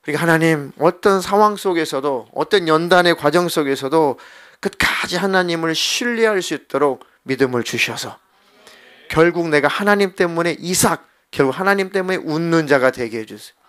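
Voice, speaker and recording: A middle-aged man preaching from the pulpit with a fairly high voice. He talks plainly and directly, as if chatting with his congregation, and slips into quick spoken dialogue to make his point. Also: expressive, fairly bright tone. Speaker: pastor. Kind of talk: Wednesday evening sermon.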